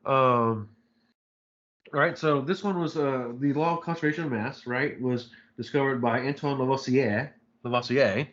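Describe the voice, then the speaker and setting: A man's voice: mid-range voice, moderate pace, fairly bright tone, highs cut off. A man teaching a live online chemistry lecture, talking casually and rambling, with many fillers and frequent "right?" checks. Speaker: chemistry instructor.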